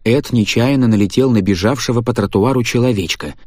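A man reading a story aloud in a measured, tense narrating voice. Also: mid-range voice, a little mellow, no room sound, studio quality. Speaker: audiobook narrator. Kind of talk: scripted narration.

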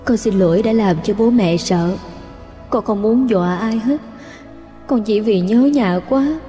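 A man voicing the gentle, sorrowful ghost of an eighteen-year-old girl, speaking softly and tenderly. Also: high voice, unhurried, pitched above the performer's own voice. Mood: sad tender. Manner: soft, pleading, tender. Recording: narration with faint music, long reverb.

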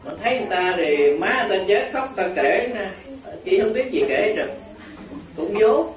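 A man's voice: high-pitched, animated, normal speed, crowd noise. A man, a Buddhist monk giving a humorous storytelling sermon and laughing as he goes. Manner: humorous, laughing while telling anecdotes. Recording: roomy, distant, dull hall recording with audience. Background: audience laughter.

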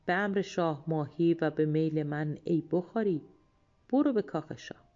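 A woman's voice: deep voice, warm tone, highs cut off, lightly acted. A woman voicing a lazy, cheeky young peasant man, blunt and sluggish, for a storybook.

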